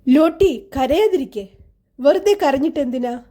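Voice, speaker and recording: A woman's voice: sits high, expressive, moderate pace, warm tone. A woman voicing an impatient, scolding young teacher in an audiobook story. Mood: coaxing.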